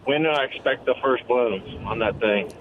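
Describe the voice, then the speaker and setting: A man's voice: mid-range voice, moderate pace. A man calls in on a hands-free car speakerphone, his voice muffled and dull over the line. He talks in long, detailed, self-correcting stretches, with a faint hum of the car behind him. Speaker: caller. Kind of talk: call-in radio question. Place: driving in a car. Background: faint car noise.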